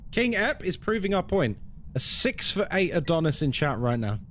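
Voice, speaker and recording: A man streams a game and chats casually with his viewers. His voice sits a little high and swings widely as he talks, with a tongue-in-cheek, bantering manner. Faint noise runs behind him. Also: big pitch swings, moderate pace, a bit bright.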